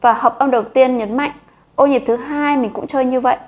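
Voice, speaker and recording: A woman piano teacher with a Vietnamese accent, gently guiding children through a lesson and slowly counting beats and calling note names. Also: high-pitched, steady tone. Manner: gentle, patient, addresses children.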